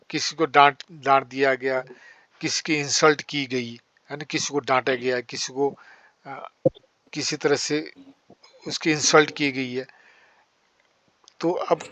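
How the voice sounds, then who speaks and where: A man teaching English grammar in Hindi, explaining with repeated example sentences and saying the English ones very slowly. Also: a little high, bright, forceful tone.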